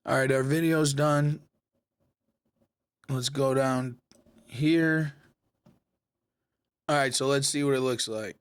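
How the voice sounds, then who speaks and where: A man's voice: medium pitch, fairly even intonation, slow pace, long pauses, clear, resonant tone, no room sound. Casual man with a dry close mic. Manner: casual, conversational, talks to viewers as guys. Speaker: tech tutorial host. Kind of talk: screen-recorded software tutorial.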